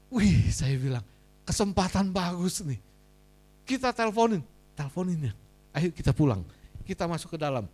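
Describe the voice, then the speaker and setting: A male pastor with a fairly high voice gives a sermon in a church. He tells a personal story in a relaxed, chatty way and slips into the voices of the people in it. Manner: casual storytelling, acting out dialogue.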